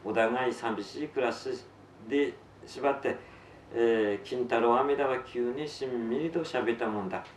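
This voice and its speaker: A man with a Tsugaru dialect reads his own story aloud in a steady, unhurried storytelling cadence. His voice sits at an ordinary middle pitch and comes from a distance in a roomy space, with a faint ambient hum behind him. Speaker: author reading his own novel. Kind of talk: reading fiction aloud to an audience.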